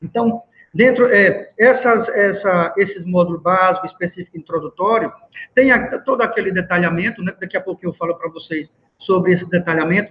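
High-voiced man with halting speech. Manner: hesitant, many fillers and restarts. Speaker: course presenter. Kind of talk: seminar presentation. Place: seminar room. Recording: tinny phone-like sound.

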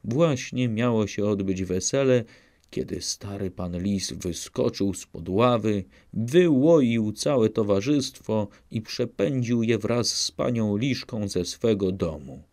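A man narrating a fairy tale in a measured, rhythmic storybook reading. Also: on the low side, expressive, darkish tone.

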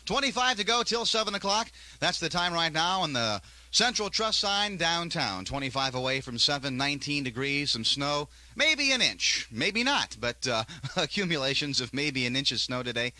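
In a 1978 AM radio aircheck, a male morning DJ on a 1970s country show runs playful, joking patter and forecasts with deadpan bits. His voice is a little high and moves at normal speed, and the recording is dry.

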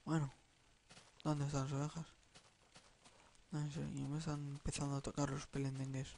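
A man with a Spain Spanish accent giving rambling, excitable let's-play commentary, swearing and singing nonsense syllables as he plays. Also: fairly high pitch, normal speed, a little hiss or hum. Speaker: gamer.

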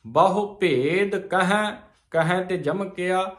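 A man teaching scripture recitation, chanting verses slowly and then explaining the pauses and pronunciation. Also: sits high, a bit bright, echoey room.

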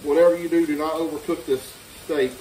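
A man's voice: on the high side, steady tone, fast talker, background noise. A middle-aged man co-hosting a home cooking video, joking and bantering while he cuts meat. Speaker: cooking show co-host. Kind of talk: casual home cooking chat. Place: home kitchen, indoors. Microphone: far camera across the room. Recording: echoey kitchen from far off.

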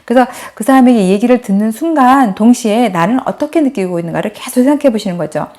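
A middle-aged woman giving a talk to mothers, telling a story from her teaching in a gentle, storytelling way. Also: fairly high pitch, expressive, fast talker. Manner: gentle storytelling, acts out a child's and adults' voices in quotes. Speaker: lecturer for mothers. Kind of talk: spoken lecture with anecdotes.

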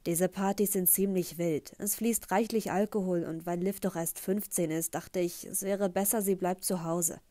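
A woman's voice: lowish voice, steady tone, dark tone, no echo, natural voice. A woman voicing an awkward, flustered teenage boy who speaks hesitantly. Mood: evasive. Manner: halting, hesitant delivery.

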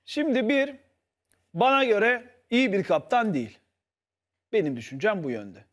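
A man with a high voice that jumps all over the place, arguing hard on a studio panel show. He keeps pressing his point and turns to the viewers to back him up. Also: lively intonation, a little slow, a bit bright. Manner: insistent, argumentative, appeals to the viewers. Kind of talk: heated TV panel debate.

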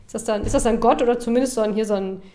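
A woman's voice: on the high side, mellow. Chatty woman streaming a game. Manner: chatty, quick asides. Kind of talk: casual let's-play commentary.

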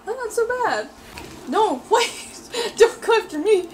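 Excitable high-voiced woman yelling at a game. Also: measured pace. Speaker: gameplay video host. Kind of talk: live gameplay reactions. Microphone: desk mic.

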